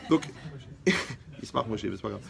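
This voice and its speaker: Guy from morocco, rabbi doing a jokey lecture, gravelly voice, keeps asking if you're following. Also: lowish voice, animated, unhurried, a loud crowd. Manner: joking, often checks in with the audience. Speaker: rabbi giving a holiday lecture. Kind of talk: lively religious lecture with jokes.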